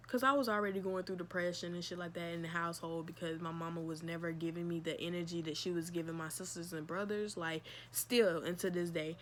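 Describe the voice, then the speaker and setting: A woman's voice: lowish voice, slight background noise. Candid young woman telling a story. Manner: candid, emphatic retelling with slang and swearing. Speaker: vlogger. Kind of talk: storytime vlog.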